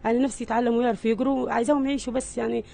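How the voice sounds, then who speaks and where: A woman's voice: fairly high pitch, fairly even intonation, racing, creaky, mellow. A middle-aged Egyptian woman with an Egyptian Arabic accent, speaking in an earnest, weary and pleading way in a news interview. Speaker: mother interviewed about her sick children.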